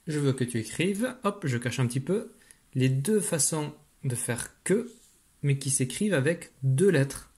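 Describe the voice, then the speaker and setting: Patient husky male teacher guiding children. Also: on the high side, animated, measured pace, darkish tone. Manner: patient, step-by-step instructions to a child. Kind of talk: recorded video lesson for young children.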